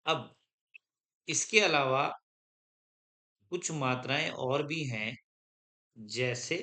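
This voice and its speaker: A man's voice: medium pitch, sharp tone. A man teaching a grammar lesson to a class, dictating notes, repeating each point and often stopping to check that students understand. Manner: slow, repetitive, keeps checking understanding.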